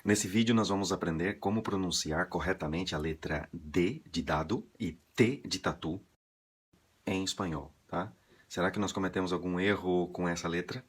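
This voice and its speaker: A Brazilian man giving a casual pronunciation lesson, chatty and full of "né" and "tá", slowly sounding out syllables. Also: deep voice, husky. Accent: Brazilian Portuguese. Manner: chatty, drawn-out slow demonstrations of syllables, frequent "né" and "tá". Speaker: Spanish pronunciation teacher.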